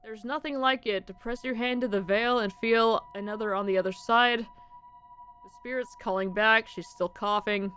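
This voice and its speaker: A woman's voice: on the high side, fairly even intonation, moderate pace, a bit bright, slight background noise, close to an everyday voice. A woman voicing a theatrical female spirit medium and tarot reader in a grand, mystical manner. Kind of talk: voicing game characters on a live stream.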